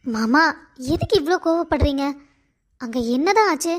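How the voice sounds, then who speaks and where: A woman's voice: sits high, lively intonation, normal speed. A woman voicing a worried, earnest young daughter-in-law in a cartoon story.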